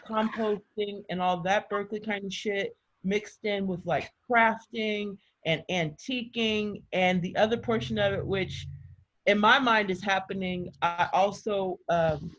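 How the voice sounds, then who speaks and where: An excited woman chatting casually on a video call as a community organizer, talking fast with lots of fillers. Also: medium pitch. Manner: energized, talks fast with many fillers and quoted voices. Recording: muffled video-call audio.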